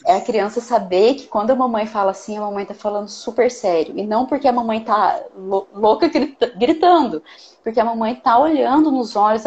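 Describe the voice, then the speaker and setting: Woman explaining parenting, slightly high voice. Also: a little mellow, lo-fi sound, a little hiss or hum. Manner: earnest, explains with many "né?" tags. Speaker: parenting guest expert. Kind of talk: casual advice talk.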